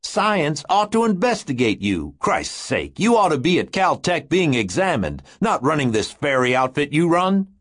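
A man voicing a big, agitated, blustering man who talks in a husky, urgent voice. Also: a little high, huge pitch swings, moderate pace, few pauses, pitched above the performer's own voice, exaggerated voice. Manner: shouting, urgent, withering.

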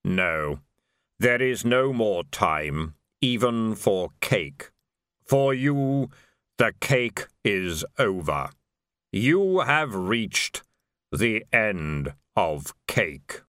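Man voicing Death, solemn and extremely slow. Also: fairly low pitch, big pitch swings, a bit bright, clear, resonant tone, no room sound, clean studio sound, voice pushed down, exaggerated voice. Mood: solemn, final. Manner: grave, drawn-out, measured delivery. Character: Death, a slow, solemn, unhurried supernatural being.

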